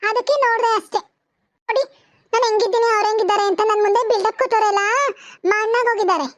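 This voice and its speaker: A woman's voice: very high voice, fairly even intonation, fast talker, no echo, clean studio sound. A woman voicing a proud, boastful young woman in a cartoon. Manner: boastful, scornful. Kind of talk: cartoon voice acting.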